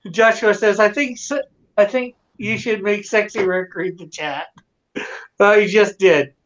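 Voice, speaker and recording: A man's voice: sits high, steady tone, takes it slowly, pauses often, a bit bright. Giggly Canadian man on a live stream. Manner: giggly, laughs often. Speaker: guest YouTuber. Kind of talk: casual live-stream chat. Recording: slightly dull lo-fi audio.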